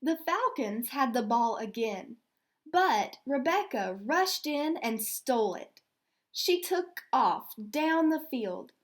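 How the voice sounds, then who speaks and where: Reading aloud as an elementary school teacher, a high-voiced woman goes slowly and deliberately through each step. Her pitch shifts widely, lending the storytelling an animated lift.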